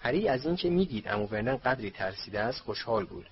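A man's voice: medium pitch, lively intonation, husky. Man reading a storybook aloud. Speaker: audiobook narrator. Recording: slightly dull with faint hiss.

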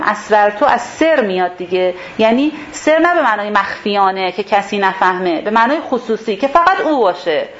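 Woman, religious class teacher, explains step by step, slightly high voice, muffled recording. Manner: explains step by step, rephrasing terms. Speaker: Quran teacher. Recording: dull lo-fi sound with faint hiss.

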